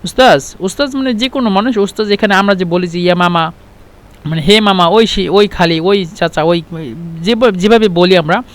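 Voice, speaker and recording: A man with a Bangladeshi Bengali accent teaching a spoken language lesson, explaining slowly with many fillers and restarts and repeating example phrases. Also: high-pitched. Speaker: Arabic teacher.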